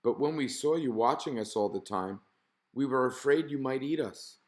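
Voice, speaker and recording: A man's voice: mid-range voice, normal speed, a little mellow, roomy sound, pitched above the performer's own voice, lightly acted. Storybook fish, male, earnest peacemaker with a reasonable manner read by a man in a near-natural voice. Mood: apologetic.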